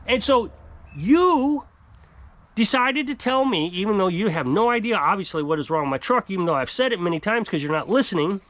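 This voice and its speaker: A man in his fifties talks straight into a close camera on an outdoor porch, exasperated and emphatic. His voice sits high and swings widely in pitch as he rants, gesturing broadly. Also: expressive, brisk, fairly bright tone. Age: 50s. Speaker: off-grid homestead vlogger. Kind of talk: frustrated rant to camera. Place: outdoor covered porch by woods.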